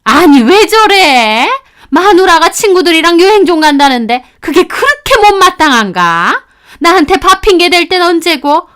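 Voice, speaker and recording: Bossy middle-aged mother-in-law, put on by a woman narrator: high, loud, scolding, sharp-tongued, for a spoken story. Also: big pitch swings, normal speed, full character voice. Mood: complaining. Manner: scolding, demanding.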